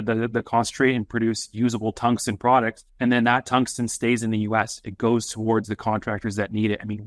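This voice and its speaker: A man's voice: fairly low pitch, dry recording, clean studio sound. A man with a Canadian accent, a company CEO being interviewed on a podcast, talking with many fillers and restarts. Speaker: mining company CEO guest.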